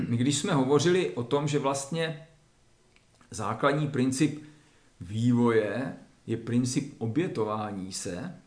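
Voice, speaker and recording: A man giving a spoken lecture that explains religious texts step by step, often pausing to clear his throat. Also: mid-range voice, darkish tone. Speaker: lecturer on esoteric Christianity. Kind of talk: spoken lecture with Bible reading. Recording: roomy echo.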